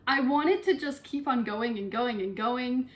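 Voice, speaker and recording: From her bed, a young woman vlogs in a casual, chatty way, giggling as she thinks things through out loud. Her voice is slightly high, she takes her time, and small laughs keep slipping in between her thoughts.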